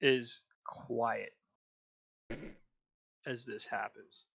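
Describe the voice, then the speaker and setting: A man narrating a tabletop game as dungeon master, drawing out the scene slowly. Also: mid-range voice, flat delivery, gravelly, fairly bright tone, a little hiss or hum. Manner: slow, drawn-out scene narration. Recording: dry, slightly dull audio.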